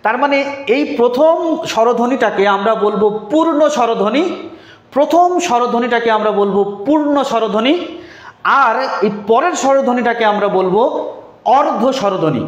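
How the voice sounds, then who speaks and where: High-voiced teacher repeating key points. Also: male voice, animated, normal speed, roomy sound. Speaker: grammar teacher. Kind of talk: live online grammar class.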